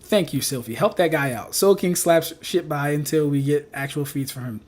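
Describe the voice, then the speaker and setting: High-voiced, animated male streamer. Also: normal speed. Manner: animated, teasing, repetitive riffs, laughs often. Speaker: streamer reacting to chat. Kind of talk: casual live-stream chat.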